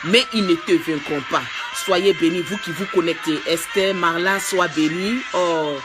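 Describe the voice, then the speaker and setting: Woman preacher live-streaming a fervent, repetitive sermon that swells toward shouting, with heavy music behind. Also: on the low side, a little slow. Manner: speaks in tongues. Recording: loud music underneath.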